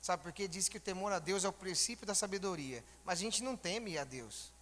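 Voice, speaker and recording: Brief: male church elder, higher voice, bright tone, informal conversational sermon, reverberant church hall. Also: expressive, brisk. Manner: informal, asks the congregation rhetorical questions.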